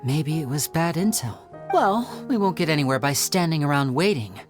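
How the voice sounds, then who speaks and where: A courteous young investigator in a video game, her voice slightly low over music. She sounds composed and purposeful, with polite, expressive phrasing. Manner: polite, measured.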